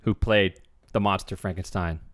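A young man with a lowish voice chats loosely on a podcast with his friends. He tells stories and laughs easily as he talks. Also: steady tone, normal speed. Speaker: podcast co-host. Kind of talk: casual chat.

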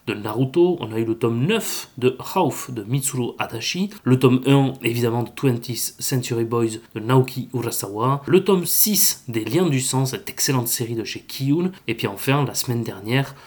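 A man's voice: medium pitch, a little mellow. A man hosting a podcast, reviewing books in a casual, hesitant way with frequent filler sounds. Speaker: manga podcast host.

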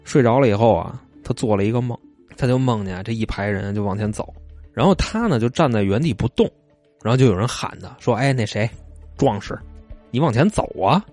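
A man's voice: lowish voice, animated, quick pace, a little mellow, faint music behind. A man, telling stories in a casual chat, retelling them loosely with asides. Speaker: storyteller.

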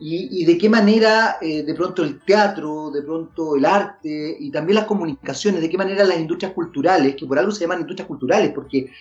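A man's voice: a little high, a little fast, hardly any pauses, faint music behind. A man hosting a podcast, asking long, hesitant questions full of restarts and fillers. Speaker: podcast host. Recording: dull lo-fi audio.

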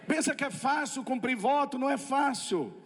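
A man with a Brazilian accent preaching a testimony sermon, telling stories with lively comic asides. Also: extremely high pitch, moderate pace, in a large hall, a little hiss or hum.

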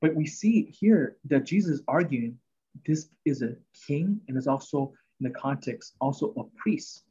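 A man's voice: mid-range voice, lively intonation, moderate pace, mellow, breathy edge, lo-fi sound. A man hosting a podcast, talking through Bible passages in an earnest, rambling way with many fillers and restarts. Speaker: podcast host. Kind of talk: casual Bible teaching chat.

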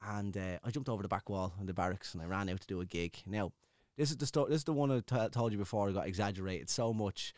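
A man's voice: on the low side, quick pace, few pauses, darkish tone, no echo, studio quality. Swearing Irish man telling stories. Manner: rambling, swears freely, restarts sentences. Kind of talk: casual chat.

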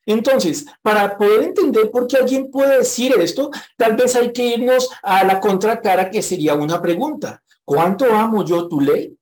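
A man's voice: high voice, darkish tone. Frank, conversational male preacher. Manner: reads scripture aloud, then explains it in a frank conversational way; repeats the verse slowly with rising emphasis. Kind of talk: sermon.

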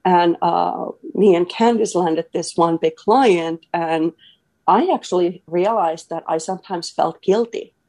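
A woman's voice: on the low side, a little slow, darkish tone. A woman, a guest talking earnestly in a casual interview, with many fillers and restarts. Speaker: podcast guest, author.

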